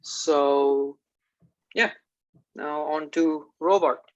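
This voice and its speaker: A man's voice: fairly high pitch, steady tone, drawn-out words, muffled recording. A young man from Nepal giving a class project presentation, walking through technical steps with many "like" and "uh" fillers. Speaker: student presenter.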